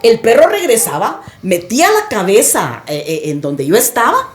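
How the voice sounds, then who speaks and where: A woman tells her story with vivid drama, her fairly high voice rising and falling widely. The room around her is echoey. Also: big pitch swings, normal speed. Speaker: guest. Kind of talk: recounting a personal story.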